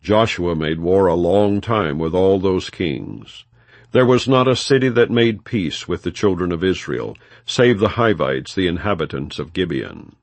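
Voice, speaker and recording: A low-voiced man reads scripture for an audiobook in a measured, solemn, plain style without dramatization, yet his intonation is lively and ranges widely. The recording is dry with no echo.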